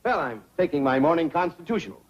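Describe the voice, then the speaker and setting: An actor playing a pompous, middle-aged city banker with proper diction, easily flustered, in a television sitcom. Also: male voice, on the high side, sing-song, fast talker, muffled recording. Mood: self-satisfied. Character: fussy, self-satisfied city banker. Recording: noisy old TV soundtrack.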